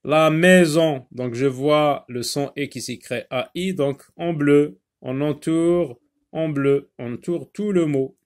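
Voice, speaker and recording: A man teaching a phonics lesson, spelling out letters and sounds slowly, with many filler pauses. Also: fairly high pitch.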